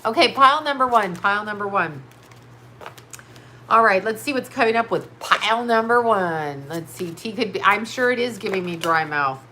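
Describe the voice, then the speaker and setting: Speaking at normal speed in an expressive, pushed, bright mid-range voice, a middle-aged tarot reader with a stuffy nose handles live chat and card readings casually. Faint hiss or hum is audible, and she's blunt, scattered, swears freely and laughs frequently.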